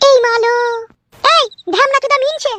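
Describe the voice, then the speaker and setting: A woman voicing an angry married village woman, a mother of three, in a comedy cartoon, shrill and foul-mouthed. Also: steady tone, normal speed, bright, forceful tone. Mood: indignant.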